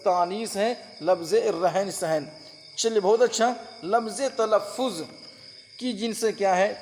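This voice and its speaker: A man's voice: high voice, a little mellow. A man teaching Urdu grammar in an online exam-prep class, drilling each word with rhetorical questions and answering them himself. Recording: long reverb with faint insect noise.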